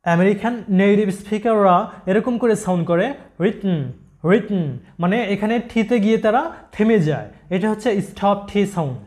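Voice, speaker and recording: A man explains English sounds in a lesson. His voice sits high, and he repeats each example phrase slowly, several times over. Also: expressive, a little mellow. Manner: slow, repetitive drilling of example words. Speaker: English pronunciation teacher.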